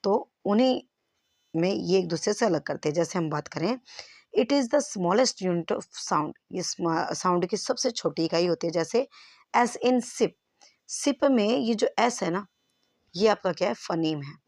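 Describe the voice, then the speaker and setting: A woman's voice: fairly low pitch, expressive, a little slow, a little mellow, dry recording, clean studio sound. A woman teacher giving an exam-prep lesson, explaining terms step by step and checking if the class follows.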